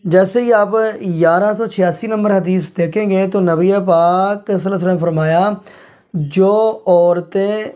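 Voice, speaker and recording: Guy hosting his channel, talks to viewers politely, mellow voice, reads off hadith numbers. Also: high-pitched, fairly even intonation. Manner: addresses viewers formally, cites hadith numbers. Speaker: channel host. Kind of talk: commentary to viewers.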